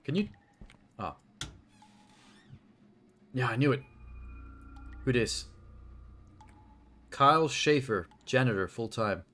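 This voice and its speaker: A man's voice: mid-range voice, expressive, takes it slowly, long pauses, fairly bright tone, a little hiss or hum. A man giving casual, nervous commentary to himself while playing a horror game. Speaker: video game streamer.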